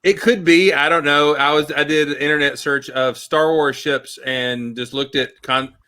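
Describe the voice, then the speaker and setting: A man who works as a kids pastor, chatting on a stream in an easygoing, halting way and laughing at himself. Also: a little high, steady tone, pushed and bright. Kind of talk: casual chat on a live stream.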